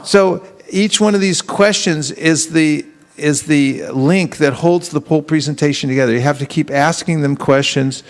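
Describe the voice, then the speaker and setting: Leading a live seminar, this man talks at a moderate pace with a slightly high voice and hardly pauses. To demonstrate, he plays both parts of brief street dialogues in quoted voices and keeps quizzing the audience.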